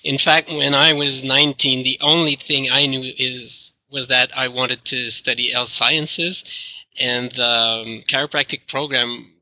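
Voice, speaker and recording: A man's voice: medium pitch, level tone, measured pace, sharp tone, no room sound, low-quality recording. A man in his forties with a French-Canadian accent, answering interview questions as a guest researcher, often hesitating, restarting words and laughing. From Quebec, Canada.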